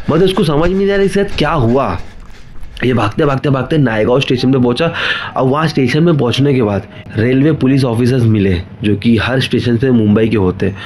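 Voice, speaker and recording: A man narrates a ghost story in a casual, unscripted way, repeating phrases as he goes. His voice sits at an ordinary middle pitch. A faint hiss of noise runs under the recording. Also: darkish tone. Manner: conversational, repetitive, loosely told. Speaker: horror storyteller. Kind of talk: casual spoken horror narration.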